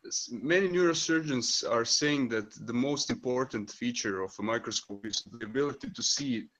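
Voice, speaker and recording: A man's voice: medium pitch, moderate pace, fairly bright tone. A man asking polite interview questions in a hesitant, roundabout way.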